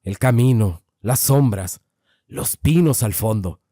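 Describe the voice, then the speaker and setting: A man giving scripted horror narration in a measured, ominous way. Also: on the low side, expressive, dark tone, no echo, clean studio sound.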